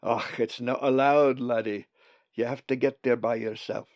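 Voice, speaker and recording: A man voicing a warm old male raven with a Scottish accent and a broad, cheerful brogue. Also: medium pitch, steady tone, moderate pace, no echo, close to an everyday voice. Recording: dull dry lo-fi recording.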